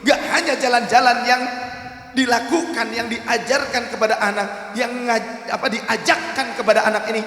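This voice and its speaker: A man's voice: extremely high pitch, steady tone, moderate pace, bright, forceful tone. A male preacher telling a story in a sermon, asking rhetorical questions as he goes, in an echoey hall.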